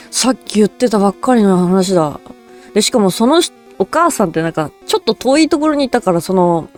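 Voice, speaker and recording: A woman telling a true story as a virtual cat-spirit storyteller, in a relaxed, rambling way with frequent chuckles and fillers. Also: mid-range voice. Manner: rambling, casual, chuckles often, many fillers.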